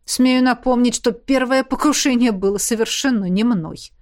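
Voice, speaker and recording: Calm, cold male ice mage for a storybook, measured and dry, read by a woman. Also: fairly high pitch, dry recording, close to an everyday voice. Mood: wry.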